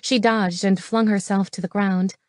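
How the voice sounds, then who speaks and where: A woman reading an audiobook as its narrator, steady and matter-of-fact. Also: medium pitch, normal speed, no echo. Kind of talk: scripted narration. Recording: dry studio voice.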